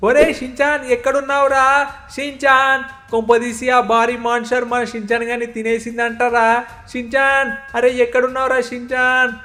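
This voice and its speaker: Someone doing a fussy worried uncle, game parody dub, talks fast, pretty flat. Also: mid-range voice, faint music behind, lightly acted. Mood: frightened. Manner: scolding, calling the boy over and over. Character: worried, fussing grown-up uncle. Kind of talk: fan-dubbed game parody.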